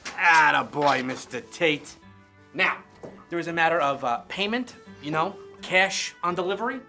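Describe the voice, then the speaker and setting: An actor playing a sly, smooth-talking salesman and swindler with folksy, wordy, persuasive patter. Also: a little high, animated, a little slow, pushed and bright, exaggerated voice. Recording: film soundtrack with faint music.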